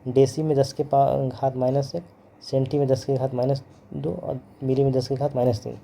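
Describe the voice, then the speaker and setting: A male physics teacher gives a lecture in a very dark, mellow voice, saying terms again and again so students catch the sounds. He switches into English words now and then. Faint ambient noise sits under the recording. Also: mid-range voice, little pitch movement, vocal fry. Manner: repeats terms slowly, drilling pronunciation; mixes English terms into Hindi. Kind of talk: classroom lecture.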